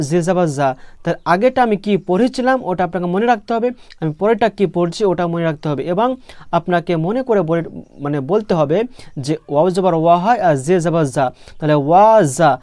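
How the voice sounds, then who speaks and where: A man's voice: high-pitched, a little mellow, no room sound. A man teaching a step-by-step Quran reading lesson, patiently repeating letter sounds and asking himself questions.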